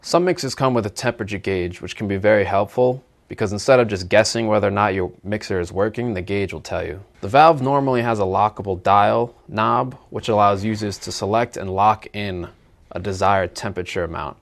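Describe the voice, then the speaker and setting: A young man in his twenties walks through a plumbing product in an explainer video. His voice sits a little low and his delivery is plain and instructional. It is recorded cleanly in a studio. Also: a little fast, gravelly. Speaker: product presenter.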